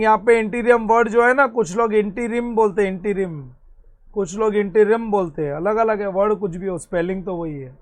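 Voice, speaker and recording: A man with an Indian accent giving a classroom accounting lecture, repeating key points and mixing in English terms. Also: high voice. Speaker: accounting teacher.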